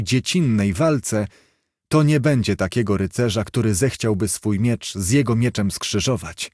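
A man reading a storybook tale aloud in a measured, solemn manner. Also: mid-range voice, darkish tone, dry recording, studio quality. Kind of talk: storybook narration.

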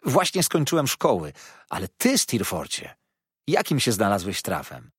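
A man reading the part of an earnest, sentimental young man fresh out of school, eager and effusive, with a husky voice. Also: on the low side, huge pitch swings, unhurried, a bit bright, dry recording, studio quality, full character voice. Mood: eager, moved. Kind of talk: audiobook reading.

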